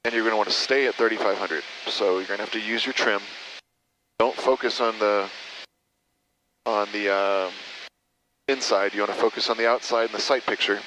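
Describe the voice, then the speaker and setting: American guy teaching flying, kinda low forceful voice, patient, repeats stuff, bit of plane noise behind. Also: steady tone, moderate pace. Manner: patient, encouraging, repeats instructions. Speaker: flight instructor. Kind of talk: hands-on flying instruction. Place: inside a small airplane in flight. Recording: noisy small-plane cockpit intercom. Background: engine noise, radio chatter.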